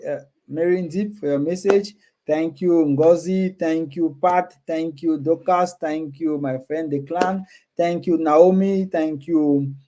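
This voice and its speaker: A livestream host with a fairly high but dark-toned voice chats casually with viewers, reading their comments aloud and answering them. He tends to repeat his words and phrases often.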